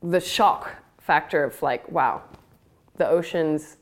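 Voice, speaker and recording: A woman in her twenties from Thailand speaks slowly in a low-pitched voice. She's a podcast guest in a casual interview, rambling with lots of fillers and offhand swearing.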